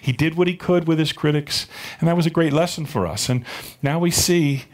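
Middle-aged guy pastor giving a sermon, bit higher voice, storytelling with lots of rhetorical questions. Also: brisk.

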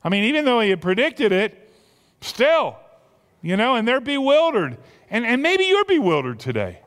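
A man preaching an Easter sermon as pastor, impassioned, swinging from loud emphasis to hushed near-whispers. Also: very high-pitched, wildly swooping pitch, normal speed. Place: church sanctuary. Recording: long reverb of a church hall.

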